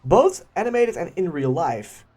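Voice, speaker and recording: A young man with a Dutch accent, whose first language is Dutch, hosting a casual Q&A and answering viewer questions in a chatty, animated way. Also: a little high, moderate pace, faint music behind. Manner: chatty and animated, laughing often. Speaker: YouTube channel host.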